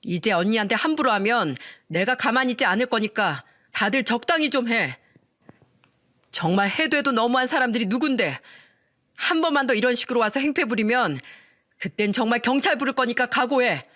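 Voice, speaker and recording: A woman's voice: on the high side, animated, brisk, fairly bright tone. A woman voicing a firm young husband who sternly defends his wife, in a storytelling reading. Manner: stern, blunt. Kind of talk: storytelling radio drama reading.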